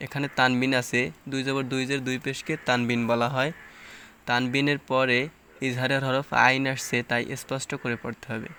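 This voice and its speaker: A man's voice: medium pitch, flat delivery, bright, forceful tone, a little hiss or hum. A man teaching Quran recitation rules, explaining each rule plainly and asking and answering his own questions. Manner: explains rules plainly, then recites verses slowly and drawn out. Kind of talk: tajweed lesson, explaining and reciting.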